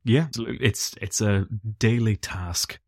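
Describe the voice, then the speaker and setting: A man interviews in a relaxed conversational style, choosing his phrasing thoughtfully and with some hesitation. His voice is slightly low with a lot of creak in it. It is recorded very dry, without room sound. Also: slow pace, no room sound.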